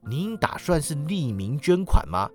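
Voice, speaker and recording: A man voicing a polite gentleman collecting for charity, who speaks calmly and courteously. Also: a little high, measured pace, soft background music. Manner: calm, courteous.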